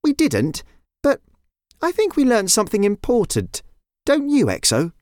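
Excited little girl, put on by a man, high and bright, lively pitch, dry close sound. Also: measured pace, no room sound, heavily acted. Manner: bright, excited, much higher voice. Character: excited kind young girl.

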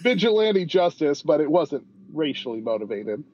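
A man co-hosting a podcast, chatting casually and rambling with lots of fillers. His voice comes through a dull, lo-fi backup recording because the main audio dropped out, so it sounds like a low quality stream. He speaks a bit high for a man. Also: very animated, moderate pace, darkish tone, dry recording. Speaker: podcast co-host.

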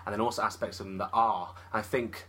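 A man's voice: on the low side, steady tone, fairly quick, bright, forceful tone, breathy edge. A man co-hosting a film podcast, talking eagerly and thinking aloud in casual chat. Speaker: podcast co-host, film reviewer.

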